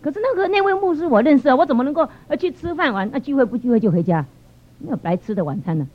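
A woman giving a lively church testimony, telling stories with animated expression. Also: sits high, rapid-fire. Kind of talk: storytelling testimony. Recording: dull lo-fi sound.

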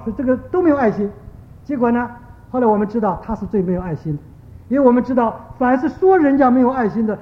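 A man preaching a sermon, telling stories and acting out the people in them. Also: very high-pitched. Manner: storytelling, animated quoting of characters. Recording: dull lo-fi recording.

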